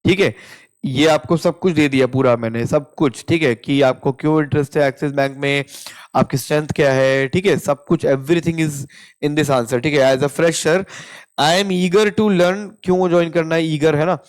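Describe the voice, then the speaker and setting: A young man with an Indian accent, tutoring in casual mixed Hindi and English, checking in often and reading model answers slowly. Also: fairly high pitch, steady tone, clear, resonant tone. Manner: explains with frequent "theek hai" check-ins, reads model answers slowly. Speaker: interview prep tutor.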